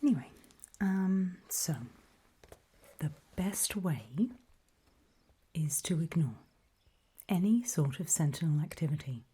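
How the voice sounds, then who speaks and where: A woman with a low-pitched voice guides the listener through an ASMR roleplay, whispering breathily. Her short phrases are hushed and deliberate, with pauses in between.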